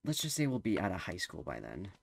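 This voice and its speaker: A man's voice: low voice, huge pitch swings, fast talker, creaky, slightly rough, no echo. A teenage boy giving casual gameplay commentary, rambling and hesitant with lots of fillers. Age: teens. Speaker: gameplay streamer.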